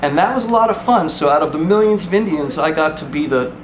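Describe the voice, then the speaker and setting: A man's voice: a little high, animated, fast talker. A chatty man talks up his family with a boastful, casual manner. The room around him is echoey, and the recording carries heavy background noise. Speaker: participant at a storytelling circle. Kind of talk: casual self-introduction.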